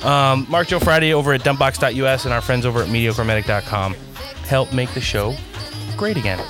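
A man's voice: mid-range voice, brisk, music in the background. A man hosting a casual talk show, reading sponsor plugs and bantering playfully. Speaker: podcast host.

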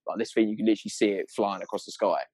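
Fast-talking southern English man, rambling and matey. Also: on the low side, fairly even intonation, darkish tone, dry recording. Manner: rambling, sweary, matey, slangy. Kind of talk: casual anecdotal chat.

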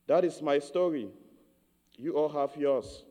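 A man from Cameroon giving a measured, earnest homily as a priest. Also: a little high, mellow, long reverb tail.

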